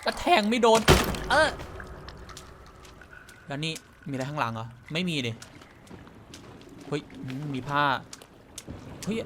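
Chatty young man with a higher voice. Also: slow, long pauses, background noise. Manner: chatty, laughs often, excited outbursts in fights. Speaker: gaming YouTuber. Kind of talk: casual let's-play commentary.

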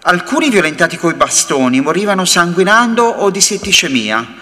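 A man giving an impassioned first-person dramatic reading at a remembrance event, dropping to hushed low lines and rising into raised outbursts. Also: sing-song, normal speed. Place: large university auditorium. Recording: reverberant hall sound.

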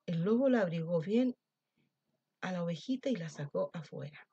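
A woman teacher narrating a children's story in a gentle, expressive way, then explaining a craft. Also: on the low side, normal speed, breathy edge, lo-fi sound.

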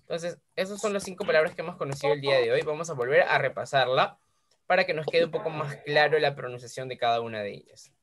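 Low-voiced patient woman teacher. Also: slight background noise. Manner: patient, repeats each word slowly for drilling; encouraging, praises often. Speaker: primary school English teacher. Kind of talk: teaching vocabulary to children.

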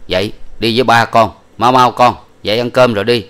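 A man reading a storybook aloud, voicing a coarse, bossy rustic stepfather who gives loud, curt orders. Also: medium pitch, fairly even intonation, brisk, clear, resonant tone, close to an everyday voice.

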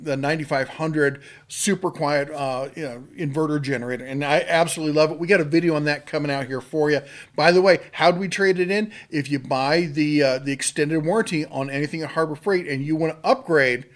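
A man's voice: fairly high pitch, steady tone, a little fast. A middle-aged man hosting a tool channel, rambling through sale items in a folksy, casual way with lots of fillers and restarts. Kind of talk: casual product rundown.

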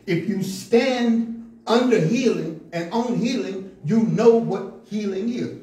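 A man preaching a sermon from the pulpit in rhythmic call-and-response style, building to shouts. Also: high-pitched, slow pace, distant mic. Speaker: pastor. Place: church sanctuary, indoors, at a pulpit. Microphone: stand mic at the pulpit, filmed from a far camera. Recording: echoey church room, heard from afar.

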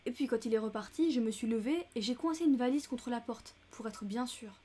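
A woman's voice: on the high side, brisk, mellow, breathy edge. A woman reading as a fussy, chatty older American lady. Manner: chatty and indignant. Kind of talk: audiobook character reading.

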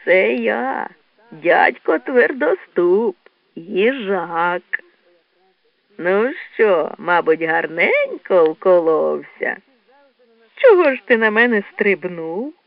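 A woman voicing a sly older male hedgehog with a slow, mocking way of talking. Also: medium pitch, big pitch swings, vocal fry, no room sound, voice pushed down, exaggerated voice. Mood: teasing. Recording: tinny lo-fi dry recording.

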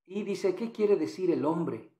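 Slow, patient male English teacher. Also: sits high, expressive, mellow, roomy sound. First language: Spanish. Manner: patient, repeats and translates phrases. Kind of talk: explaining exam answers.

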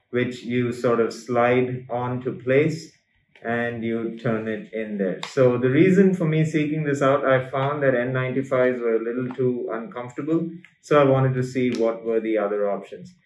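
A man's voice: mid-range voice, moderate pace, darkish tone. Man talking through a face mask. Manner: explains step by step while demonstrating. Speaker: dentist reviewing gear. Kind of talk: casual product review vlog. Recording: roomy, dull lo-fi sound.

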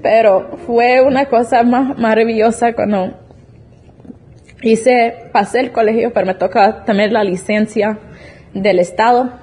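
A woman's voice: on the high side, fairly even intonation, unhurried, darkish tone, a little hiss or hum. A young woman in her twenties giving an emotional, earnest church testimony, often restarting her sentences. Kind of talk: personal faith testimony.

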